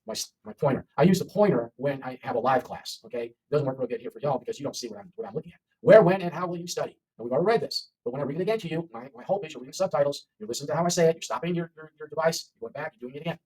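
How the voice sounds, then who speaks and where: Fast-talking husky man teaching English. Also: fairly high pitch, animated, a little mellow, distant mic, rough recording. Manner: repetitive, encouraging, lots of "okay?". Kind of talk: online lesson narration.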